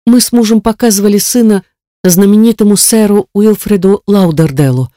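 A distraught mother speaks in pleading, tearful phrases, as an audiobook reader puts her on. The tone is mellow and dark, recorded dry and close. She sounds worn down by worry for her child. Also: mid-range voice, normal speed, dry recording, pitched above the performer's own voice, natural voice. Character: anxious, grieving mother of a sick boy. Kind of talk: audiobook character reading.

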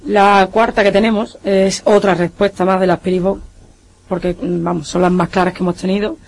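A woman, a guest investigator on a radio show, calmly explaining recordings. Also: medium pitch, brisk. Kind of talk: radio interview.

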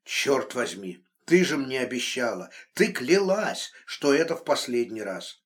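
A man's voice: mid-range voice, big pitch swings, measured pace. A man voicing a stern, worried man who scolds and comforts a friend brusquely. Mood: exasperated. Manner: brusque, exasperated.

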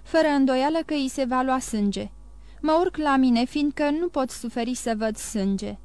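A woman's voice: high voice, darkish tone, clear, resonant tone, no echo. A woman voicing a cold, evasive stepmother who speaks in a restrained, metallic way. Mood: curt.

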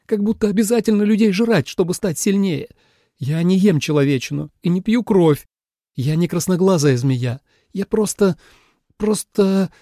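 Guy doing a snake spirit girl, high and hissy, easily offended, gravelly. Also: lively intonation, moderate pace, dark tone, no room sound, clean studio sound. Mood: indignant. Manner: hissing, offended. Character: young snake spirit woman, proud and touchy.

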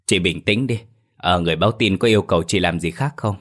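A man's voice: low voice, fast, a bit bright. A man voicing a young male taxi driver who talks earnestly and with concern. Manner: earnest, concerned, stammering when scared.

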